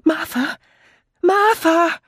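A reader voicing a flustered, breathless elderly spinster in an audiobook, with a shrill, excited delivery. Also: fairly quick, breathy edge, dry recording, studio quality. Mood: agitated. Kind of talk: audiobook character voice.

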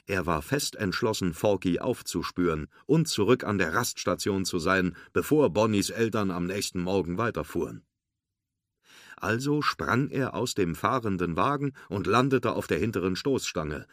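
Man, storybook narrator, deep voice, forceful, dry close recording. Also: moderate pace, dry recording. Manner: steady, clear storytelling. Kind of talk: storybook read-aloud.

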